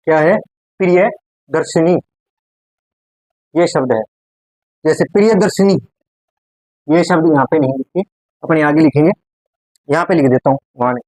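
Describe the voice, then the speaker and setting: A man's voice: on the high side, moderate pace, long pauses, darkish tone, dry recording, poor audio. A man teaching Hindi grammar in a classroom, speaking with a Rajasthani Hindi accent. He repeats each word and keeps asking rhetorical questions to check that his students follow. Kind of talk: classroom lecture.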